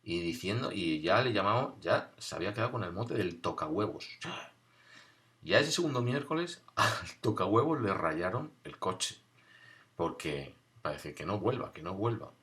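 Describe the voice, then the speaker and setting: A man recalling his school days in an unhurried, wry storytelling manner with dry humor. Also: low-pitched, very animated, a bit bright. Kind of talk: casual spoken recollection.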